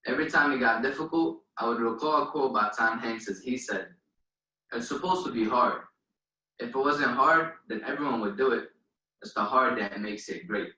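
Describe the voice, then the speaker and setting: A man's voice: mid-range voice, normal speed, bright, forceful tone, echoey room, far from the mic, low-quality recording. A young man from Palestine, a native Arabic speaker, giving an earnest, formal valedictorian speech at a graduation. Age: young adult. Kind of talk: commencement speech.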